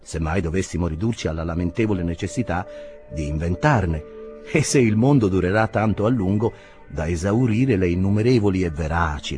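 A man narrating an audiobook in a low, expressive voice. His pitch rises and falls widely as he shapes each sentence. Faint music lies underneath. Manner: expressive, theatrical reading. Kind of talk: audiobook reading of a classic novel.

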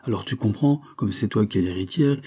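A man's voice: lowish voice, a little fast, dark tone, breathy edge. A man reading and voicing a well-meaning male guardian who fumbles through an awkward explanation.

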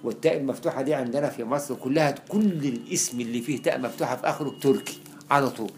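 A man with an Egyptian accent giving a classroom lecture, quickly listing examples and repeating words for emphasis. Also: medium pitch, soft background music. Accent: Egyptian Arabic. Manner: explains quickly with many examples, repeats words to stress them. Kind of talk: classroom lecture on Arabic spelling.

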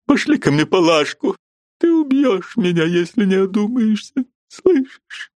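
A man's voice: high-pitched, sing-song, unhurried, darkish tone, no echo, clean studio sound, voice pushed up. A man voicing a theatrical, self-pitying middle-aged mother who complains and threatens.

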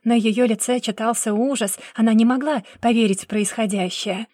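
A woman narrating a story in an even, measured reading voice. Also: on the high side, no room sound, studio quality.

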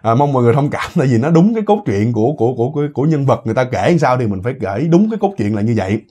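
A man with a Southern Vietnamese accent telling a ghost story in an animated, casual way, often repeating words and speaking to his listeners. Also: medium pitch, rapid-fire, husky.

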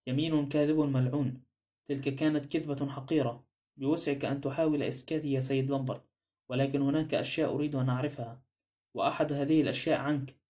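A man's voice: medium pitch, fairly even intonation, fast, warm tone, lightly acted. A man reading a blunt, prying detective. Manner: blunt, probing. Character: blunt suspicious male ex-detective.

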